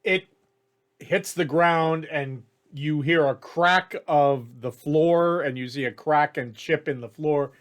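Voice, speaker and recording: A man's voice: on the high side, takes it slowly. A man running a tabletop game as game master, narrating casually and matter-of-factly. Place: home setup, online stream.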